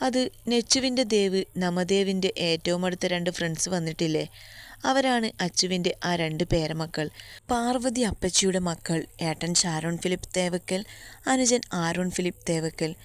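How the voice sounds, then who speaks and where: A woman's voice: fairly low pitch, normal speed, clear, resonant tone, no echo. A woman narrating a romance story, reading the characters' lines in a slightly lifted voice.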